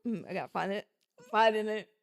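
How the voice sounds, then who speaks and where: A woman's voice: medium pitch, brisk, gravelly. A woman co-hosting a book podcast in casual chat, organising who reads which part. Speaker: podcast co-host.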